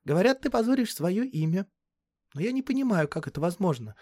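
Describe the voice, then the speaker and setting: A man's voice: very animated, brisk, a little mellow, no room sound. A man reading an audiobook, voicing a lovestruck noble teenage girl in a raised, eager voice. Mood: earnest. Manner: high, eager, pleading tone.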